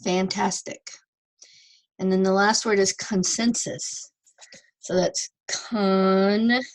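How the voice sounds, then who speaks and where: A woman's voice: medium pitch, fairly even intonation, slow, poor audio. A woman teaching an online ESL lesson, patiently sounding out words syllable by syllable and repeating them.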